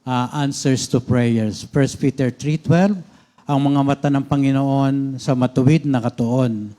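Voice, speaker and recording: Man, co-host, reads scripture evenly, mellow warm voice. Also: medium pitch, a little slow. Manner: steady, reads verses aloud with references. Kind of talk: Bible teaching and scripture reading.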